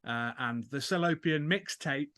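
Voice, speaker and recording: Bright, wry man co-host. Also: on the high side, a little slow, no echo. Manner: dry, wry humour. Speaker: podcast co-host. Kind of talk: casual interview chat.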